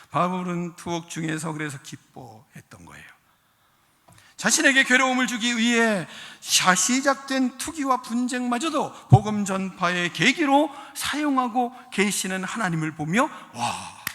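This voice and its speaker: A man preaching a sermon in a very high, piercingly bright voice. He moves between chatty asides and loud, fervent calls to the congregation. The sound carries a long echo from a large church sanctuary. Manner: conversational preaching that builds to shouted exhortations. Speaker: pastor.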